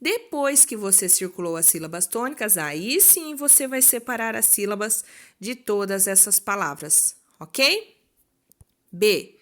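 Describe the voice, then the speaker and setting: A Brazilian woman teaching a recorded school lesson, slowly drawing out words to show their stressed syllable and playing her pupils' questions herself. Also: mid-range voice, animated, fairly bright tone. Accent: Brazilian Portuguese. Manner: voices imagined pupils' questions.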